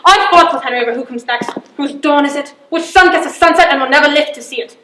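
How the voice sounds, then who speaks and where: Casting: female actor for older medieval queen, high-pitched, regal, wry manipulator in period drama, roomy sound. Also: quick pace, sharp tone. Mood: wistful, bitter. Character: proud, cunning older imprisoned queen and mother. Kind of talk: theatrical period drama monologue and dialogue. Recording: echoey room, audible background noise.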